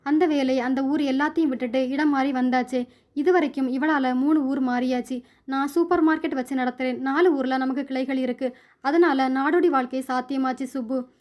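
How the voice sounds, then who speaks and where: A woman's voice: sits high, fairly even intonation, normal speed, natural voice. A woman reading a firm, worried middle-aged father. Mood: confiding. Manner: firm, hushing, reassuring. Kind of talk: storybook reading.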